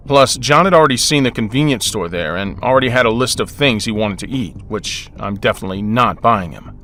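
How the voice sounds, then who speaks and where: Brief: young man, mid-pitched voice, wry and exasperated first-person storyteller. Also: bright, forceful tone. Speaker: narrator.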